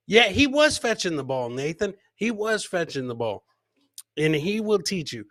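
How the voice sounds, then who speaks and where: Here the same sort of host, an American comic in his forties running a live clip show, speaks at a normal pace, his voice pitched high, sing-song and fairly bright. He riffs casually and exclamatorily for the stream, often returning to his catchphrases. The sound is dry and clean, captured on a close boom studio mic with a headset.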